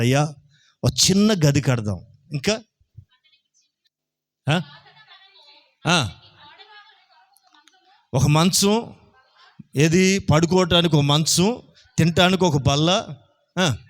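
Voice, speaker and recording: Male pastor, sunday sermon, emphatic delivery, keeps asking if listeners follow, fairly high voice. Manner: emphatic preaching, keeps asking the congregation if they are listening.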